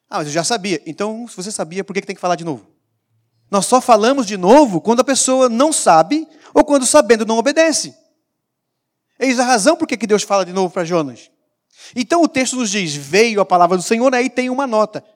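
Emphatic pastor preaching. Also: male voice, high-pitched. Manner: emphatic preaching with sudden loud peaks and quiet asides. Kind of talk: sermon.

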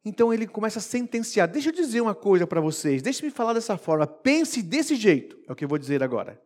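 Male preacher, high-pitched, expressive sermon delivery, hushed to emphatic. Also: rapid-fire.

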